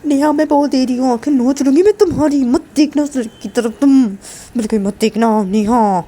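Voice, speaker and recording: A woman voicing a jealous young woman who scolds and threatens her girlfriend loudly, in a storybook telling. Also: high-pitched, brisk, voice pushed up. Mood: angry.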